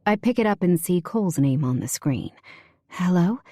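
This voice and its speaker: Warm, low-voiced female audiobook narrator. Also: animated, moderate pace, dry recording, studio quality. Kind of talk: scripted first-person audiobook narration.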